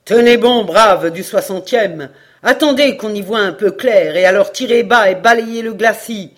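A woman voicing an old, towering Scottish army commander who booms his orders with fierce fatherly feeling. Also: measured pace, close to an everyday voice. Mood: commanding. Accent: Scottish, put on. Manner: booming commands.

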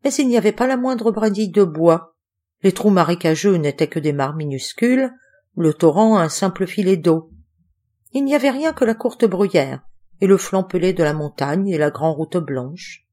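A woman reading an adventure novel aloud as scripted audiobook narration, measured and expressive. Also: lowish voice. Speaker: audiobook reader.

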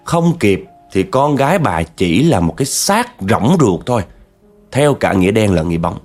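A man's voice: on the low side, very animated, normal speed, a little mellow, soft background music. A man telling a spooky story in a chatty way, talking straight to his listeners. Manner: chatty, addresses listeners directly. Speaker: horror storyteller.

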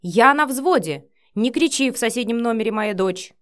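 A gruff, blunt man who is quick to anger and barks his words, read by a woman narrating an audiobook. His delivery stays short and rough. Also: on the high side, lively intonation, lightly acted. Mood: angry.

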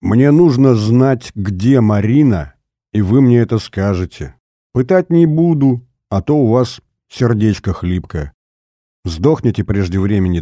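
A man voicing a calm, mocking former agent who threatens an old officer, menacing and cold. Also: lowish voice, no room sound, studio quality.

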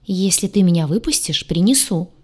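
A woman's voice: mid-range voice, a little slow, darkish tone, pitched above the performer's own voice, lightly acted. A woman voicing a huge, nervous horned male demon who pleads in panicky, stammering bursts, raised above her own voice.

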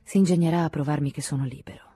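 Weary evasive man, curt and restrained, low husky voice, dark tone, audiobook, read by a woman. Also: steady tone, racing, no room sound.

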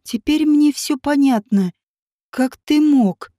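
A woman voicing a quiet, betrayed young woman who speaks softly and slowly. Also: high voice, no echo, studio quality. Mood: hurt. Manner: quiet, slow.

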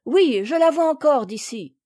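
A woman's voice: a little high, measured pace, darkish tone, no echo, studio quality, natural voice. A woman reader voicing a fussy, complaining housemaid in a storybook. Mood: grudging. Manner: scolding, complaining. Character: fussy scolding grown woman maid.

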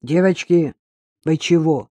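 A woman's voice: sits low, slow, mellow, dry recording. A woman reading aloud, voicing a rude young woman who accuses others harshly and scornfully. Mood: indignant.

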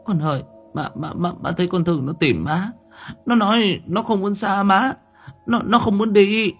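A man's voice: a little high, sing-song, slow, slightly rough, faint music behind, voice pushed up, exaggerated voice. A man voicing an older grieving mother who cries out desperately for her drowned daughter. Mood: tearful. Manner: crying out, frantic.

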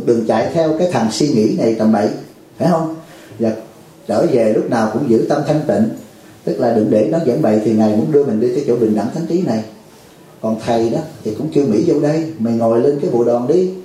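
A man, a monk teaching a retreat, gives a folksy dharma talk, often checks in with the crowd and acts out little dialogues. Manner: folksy, asks the crowd "phải không?" often; acts out dialogues with lively pitch jumps. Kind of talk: dharma talk to a temple audience. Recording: very echoey hall.

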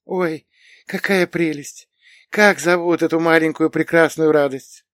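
A man's voice: a little high, steady tone, unhurried, a bit bright, no room sound, studio quality, voice pushed up. A man voicing a frail, lonely elderly woman who speaks in a faint, trembling whisper. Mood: tender. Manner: wistful, trembling.

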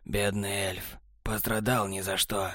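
Cold, scornful male traitor, soft and low, contempt in every word, as a male narrator puts him on. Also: level tone, unhurried, dry recording, studio quality. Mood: contemptuous. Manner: low, hushed, sneering delivery.

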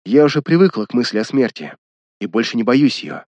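A man's voice: mid-range voice, expressive, brisk, a little mellow, dry recording, lo-fi sound, lightly acted. A man reading as a defiant young woman. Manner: pleading, indignant, defiant. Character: desperate young woman defying her brothers.

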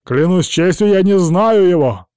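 A man voicing a blustering middle-aged colonel who growls and shouts his denials. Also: high-pitched, animated, a little slow, dry recording, clean studio sound, pitched above the performer's own voice. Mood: angry bluster.

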